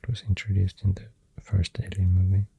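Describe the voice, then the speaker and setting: Speaking gently and haltingly near the microphone, a soft-spoken Swedish-accented ASMR host uses a hushed, breathy, half-whispered delivery. The voice is low and monotone, and the recording sounds muffled.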